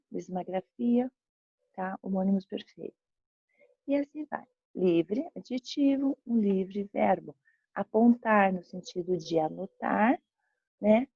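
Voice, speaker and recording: A woman's voice: mid-range voice, gravelly, warm tone, breathy edge, no room sound. A Brazilian woman teaching a school grammar lesson, patiently repeating examples and checking in with her students as she goes. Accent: Brazilian Portuguese. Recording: dull lo-fi recording.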